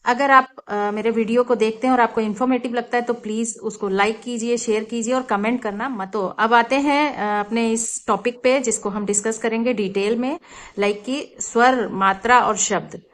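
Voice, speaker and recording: A woman with a fairly high voice teaches a lesson for young children. She explains with patience and stretches out each example word so it can be heard clearly. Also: fairly even intonation, moderate pace.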